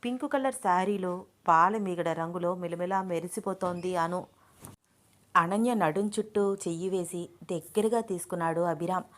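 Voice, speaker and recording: A woman's voice: fairly low pitch, normal speed. Woman storyteller reading a romance. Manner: steady descriptive narration.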